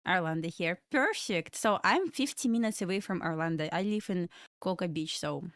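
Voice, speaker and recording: Streaming trades live from her Florida home, a young Belarusian woman speaks with a Russian accent in a low-ish, animated, slightly bright voice at moderate pace. She rambles chattily, fielding viewer questions between remarks on the market. The sound is clean and echo-free.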